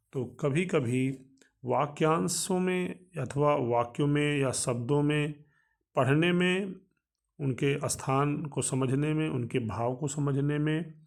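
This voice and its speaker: Gravelly-voiced man teaching grammar. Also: on the high side. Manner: measured explanatory lecturing with frequent pauses. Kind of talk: Hindi grammar lesson.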